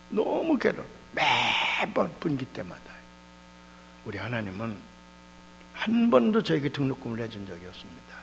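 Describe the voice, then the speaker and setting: A male preacher tells his story at a revival, his pitch leaping and dropping in lively swings. His voice is gravelly and fairly high. The recording is dull, with a long hall echo and a faint hum. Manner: animated storytelling with sudden drops and outbursts. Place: church hall.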